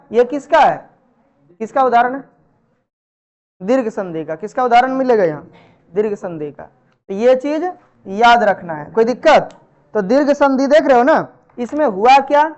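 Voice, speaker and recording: A woman teaching Sanskrit grammar in a classroom, firing repeated questions at her pupils and gently scolding them. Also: a little high, highs cut off. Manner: drills students with repeated questions and answers; chiding, familiar address to pupils. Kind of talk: live classroom teaching in Hindi. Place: classroom with students.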